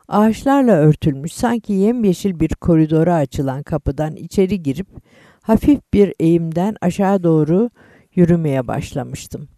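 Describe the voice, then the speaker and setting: Male narrator in his fifties, measured storytelling, dry, close sound. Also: on the high side, gravelly, warm tone, no room sound. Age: 50s. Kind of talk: first-person story reading.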